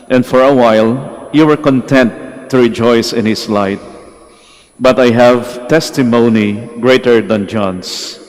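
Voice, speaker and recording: Slow-reading priest in cathedral echo. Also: male voice, mid-range voice. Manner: slow, measured, solemn delivery. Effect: long cathedral echo. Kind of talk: liturgical gospel reading. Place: large church during Mass. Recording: long reverb of a large church.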